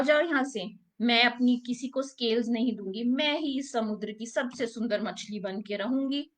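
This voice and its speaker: A woman teacher telling a story to young children, gently asking them questions along the way. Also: high voice. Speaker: preschool teacher.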